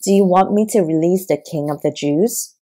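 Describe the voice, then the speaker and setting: A stern Roman governor questions a prisoner, as a woman reader voices him. The voice sits low and mellow, read plainly as an audiobook passage rather than fully acted. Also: moderate pace, natural voice. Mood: questioning. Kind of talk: scripted audiobook reading.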